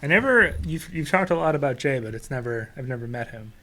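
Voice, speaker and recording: A man's voice: medium pitch, expressive, fast talker, bright, forceful tone. A man co-hosting a podcast, trading casual jokes and banter. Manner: joking, easygoing banter. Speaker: podcast co-host. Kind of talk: casual chat.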